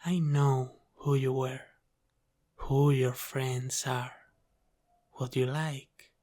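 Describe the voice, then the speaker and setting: Voicing a mafia boss who is Italian-American, teasing and protective, a man performs an intimate ASMR roleplay with a mid-range voice and flat delivery. He speaks softly and deliberately, sometimes whispering, with a confident, knowing air.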